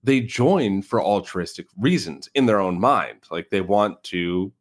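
Low-voiced rambling man, West Coast American accent. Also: animated, measured pace. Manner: rambling, many fillers and restarts. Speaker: podcast co-host. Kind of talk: casual film discussion.

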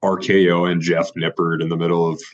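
Laid-back male host, low and slow, muffled lo-fi sound. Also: level tone. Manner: laid-back, asks questions, swears casually. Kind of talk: casual chat. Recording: dull lo-fi podcast audio.

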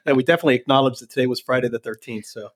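An older man from El Salvador, a company president talking as a guest in a relaxed, rambling way with many ums and restarts. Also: medium pitch, racing. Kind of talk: casual interview chat.

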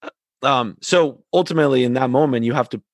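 Excitable man telling a coaching story. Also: mid-range voice, fast, no echo. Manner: animated, many restarts and repeated words. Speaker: youth soccer coach, podcast co-host. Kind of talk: casual storytelling chat.

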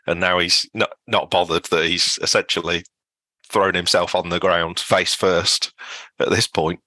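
A man's voice: low voice, flat delivery, unhurried, sharp tone, dry recording. A man co-hosting a podcast, chatting casually and thinking aloud with questions and restarts. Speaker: podcast co-host. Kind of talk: casual recap chat.

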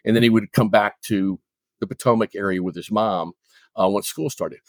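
A man's voice: fairly low pitch, steady tone, normal speed, dry recording. A middle-aged man, a coach and mentor, speaking earnestly in an interview, stressing points with repetition. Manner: earnest, emphatic, repeating for weight. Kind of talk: interview storytelling.

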